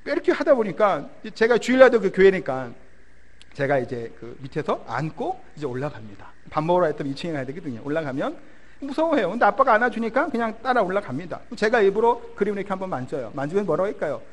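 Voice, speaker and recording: A man's voice: high-pitched, big pitch swings, quick pace. A male pastor in his thirties preaching a sermon in a conversational way, telling stories from his own family and asking the congregation questions. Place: church sanctuary.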